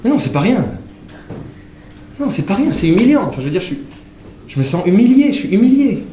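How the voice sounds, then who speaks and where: A man's voice: high voice, sing-song, fairly quick, dark tone, slight background noise. A man comedian telling a story on stage, rambling and correcting himself as he goes. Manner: rambling, self-correcting narration. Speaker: comedian and singer. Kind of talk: storytelling stand-up with songs. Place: theatre stage in front of an audience. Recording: roomy live stage with guitar music.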